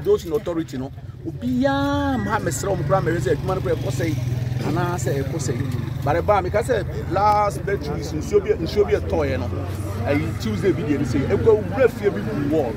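A man with a Ghanaian accent, a local assemblyman speaking outdoors to reporters, animated and mixing Twi with English. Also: fairly high pitch. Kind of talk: public address to reporters. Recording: crowd noise outdoors.

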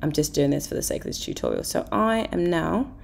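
A woman with a hoarse voice, walking through a music software tutorial step by step, with fillers and easy asides. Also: sits low, a little fast, slight background noise. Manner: relaxed step-by-step explaining with fillers.

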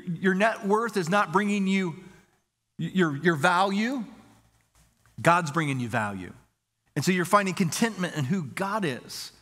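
A man's voice: on the high side, fairly bright tone. A man preaching a sermon as pastor, earnest and repetitive, asking the congregation rhetorical questions. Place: church sanctuary.

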